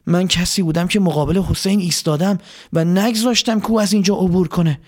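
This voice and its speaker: A man voicing a remorseful male army commander who talks in a pleading, halting way, in a told story. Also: sits high, darkish tone, pitched above the performer's own voice. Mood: anguished.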